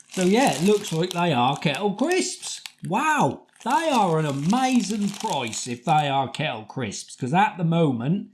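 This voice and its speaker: A man's voice: on the high side, a little mellow, slight background noise. A middle-aged man with a British accent giving a casual, informal food review to camera in a home kitchen. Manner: informal, chatty, colloquial. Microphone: camera across the table.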